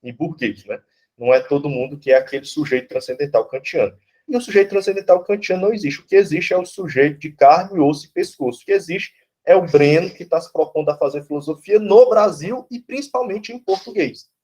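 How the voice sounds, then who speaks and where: This Brazilian philosophy professor speaks a little high, dark-toned, expressive, and fairly quick as he lectures bluntly and informally. He's conversational, checks in often with "né?" and "tá certo?", and swears without fuss.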